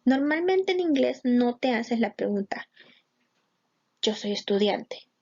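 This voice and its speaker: A woman's voice: fairly high pitch, expressive, slow, a little mellow, husky, highs cut off. A woman teaching English grammar in a patient, explanatory online lesson, mixing English terms into her Spanish.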